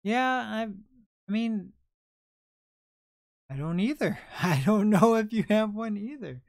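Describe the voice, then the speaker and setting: Smooth-voiced man chatting on a livestream. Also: sits high, slow pace, no echo, clean studio sound. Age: 20s. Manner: chatty, answers viewer comments aloud. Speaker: livestream host and reseller. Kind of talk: casual livestream chat.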